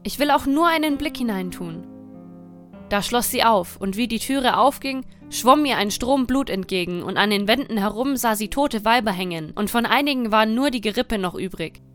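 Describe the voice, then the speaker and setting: A woman reading a dark fairy tale aloud in a measured, dramatic storytelling manner. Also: on the high side, soft background music.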